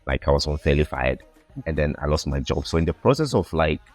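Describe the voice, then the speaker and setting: Faint music plays behind a young man from Ghana whose rumbling low voice is expressive, a little mellow and fairly quick. As a podcast guest in casual interview storytelling, he reflects earnestly on his life, repeating words while he works out what to say.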